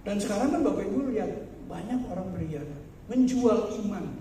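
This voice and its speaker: A male pastor with a high, mellow voice delivers a sermon in a chatty way, turning often to his listeners with questions. The sound bounces around a large hall, and he is picked up from some distance away. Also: lively intonation, fairly quick, a little hiss or hum. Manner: conversational preaching, addressing the congregation directly with rhetorical questions. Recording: echoey church hall, mic far off.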